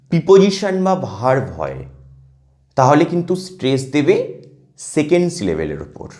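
A male teacher walks students through an exam lesson step by step, often stopping to check that they follow. His voice sits fairly high and swings widely in pitch. He reads verse lines slowly, syllable by syllable. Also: a little mellow.

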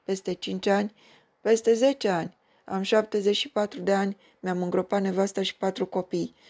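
A woman's voice: medium pitch, little pitch movement, a little mellow, close to an everyday voice. Woman playing a bitter shaky old man. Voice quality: raspy.

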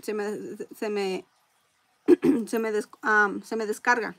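A woman hosting a casual live-stream raffle, chatting along and reading viewer comments out loud. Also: medium pitch, fairly even intonation, takes it slowly.

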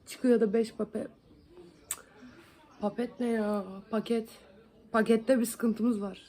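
A woman's voice: on the high side, flat delivery, measured pace, mellow. A young woman from Van chatting and joking with viewers while doing her makeup at home in a casual vlog. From Van, Turkey. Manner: chatty, joking, self-mocking. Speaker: beauty vlogger. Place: home, indoors.

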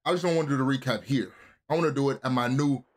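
A man's voice: medium pitch, racing. A man hosting a let's play, talking casually in a rambling, slangy way. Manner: rambling, slangy, keeps saying "bro". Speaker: gaming channel host. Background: game music.

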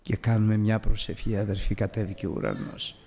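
A man's voice: fairly low pitch, little pitch movement, warm tone, a little hiss or hum. An older man preaching a Bible lesson, telling a personal story and acting out the voices in it. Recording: long reverb from a large hall.

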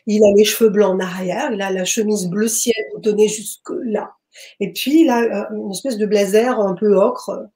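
A woman recounts a personal experience in an interview, pausing often to search for the right word. Her voice is warm and mellow, sitting in a middle range. She speaks hesitantly, with frequent restarts. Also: medium pitch, steady tone. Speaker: author and medium. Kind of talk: interview storytelling. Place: bookshop.

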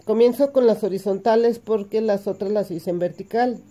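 Calm woman teaching hand embroidery. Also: medium pitch, normal speed. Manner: patient, explains each stitch while working. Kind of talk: step-by-step hand embroidery tutorial.

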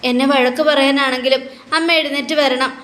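A tearful, devoted young wife full of fear, read out by a woman recapping a serial. High voice in a room with plenty of echo. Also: fairly even intonation, a little fast, fairly bright tone. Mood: fearful.

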